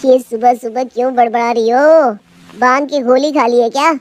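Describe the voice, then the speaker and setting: A woman's voice: fairly high pitch, steady tone, normal speed, a little hiss or hum, natural voice. Woman doing a playful teasing young husband.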